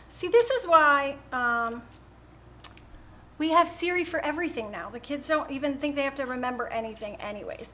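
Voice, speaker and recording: A woman's voice: sits high, bright, forceful tone, slight background noise. A woman hosting a live painting stream from home, chatting casually and rambling, laughing often. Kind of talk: casual chat while painting.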